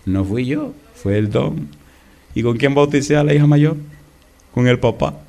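A middle-aged male pastor preaching a sermon, telling a story and acting out the dialogue, swinging from loud to hushed. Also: mid-range voice, measured pace, creaky.

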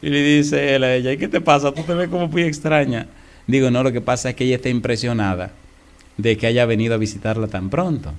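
A middle-aged male pastor preaching a sermon, telling a story and acting out the dialogue, swinging from loud to hushed. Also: mid-range voice, a little fast.

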